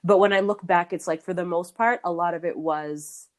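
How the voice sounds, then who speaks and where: A woman's voice: lowish voice, moderate pace. A young woman co-hosting a podcast, talking candidly and with lots of laughter, restarts and fillers. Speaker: podcast co-host. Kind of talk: casual chat.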